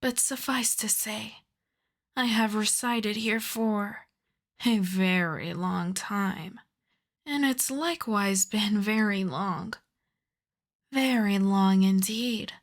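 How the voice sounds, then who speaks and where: A woman playing an ancient aristocratic vampire countess in an ASMR roleplay, soft and breathy with whispers, speaking in a refined, coy, teasing way. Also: mid-range voice, slow. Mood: proud, coaxing. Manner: refined, coy, formal old-fashioned phrasing. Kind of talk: ASMR roleplay, slow intimate scripted monologue.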